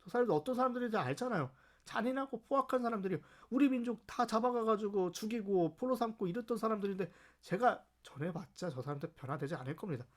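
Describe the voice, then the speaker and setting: A man acting out a grumbling, stubborn prophet of old who argues back with indignant protest in a raised, higher voice. He pleads and complains in an everyday spoken way, as in a lively Bible lesson. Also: quick pace, hardly any pauses.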